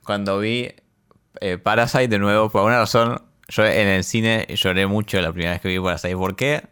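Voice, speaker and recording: A man's voice: fairly low pitch, steady tone, moderate pace, fairly bright tone, smooth. A young man with a Rioplatense Spanish accent, co-hosting a casual, teasing chat. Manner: joking, teasing. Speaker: podcast co-host.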